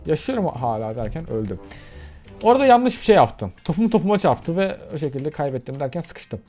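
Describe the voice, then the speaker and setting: Young man, gaming commentary, lively swooping voice, slightly high, excitable yelps, faint music behind. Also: a little fast. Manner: excitable, yelps and shouts at sudden moments. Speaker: gaming YouTuber. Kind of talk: casual let's-play commentary.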